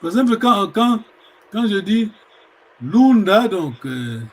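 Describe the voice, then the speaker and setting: A man teaching a language lesson, explaining rules slowly with many hesitations and drawn-out words. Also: high-pitched, big pitch swings.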